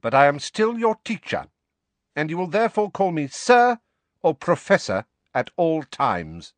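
A man's voice: lowish voice, very animated, a bit bright, no room sound. Man doing a cold, sneering professor. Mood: contemptuous. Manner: slow, contemptuous, clipped. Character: cold sneering male professor, middle-aged.

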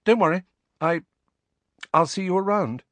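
A man's voice: sits high, expressive, normal speed, no room sound, pitched above the performer's own voice. A man voicing an eager, awkward teenage girl. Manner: eager, flustered.

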